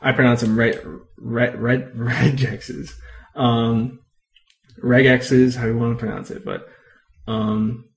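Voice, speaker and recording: A man's voice: mid-range voice, level tone, measured pace, gravelly. A man casually explaining a computer topic in a screen-recorded tutorial, rambling and correcting himself as he talks, with lots of ums. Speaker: tech video host.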